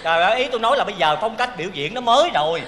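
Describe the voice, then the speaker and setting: A man with a Southern Vietnamese accent performing a stage comedy sketch, exclaiming and teasing in an animated way. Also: high-pitched, very fast. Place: theater stage. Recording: reverberant stage hall, faint noise.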